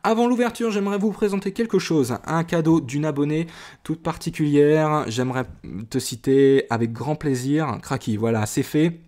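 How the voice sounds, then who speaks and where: A man's voice: a little high, normal speed, a little mellow. A man giving casual, enthusiastic unboxing commentary as a video host, often hesitating with fillers and exclaiming in wonder. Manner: hesitant, many fillers and restarts. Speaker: YouTuber opening a trading card tin.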